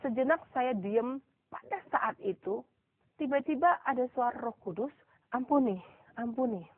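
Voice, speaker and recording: A woman's voice: high voice, normal speed, slight background noise. A middle-aged woman telling an emotional, heartfelt personal testimony in an interview. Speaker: testimony speaker. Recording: tinny phone-like sound with faint music.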